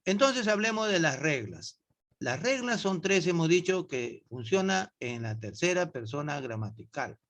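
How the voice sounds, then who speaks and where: A man teaches an online English class, explaining grammar slowly and patiently. His voice is bright and a little high for a man. He keeps checking in with his students as he goes. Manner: slow, patient, asks students questions.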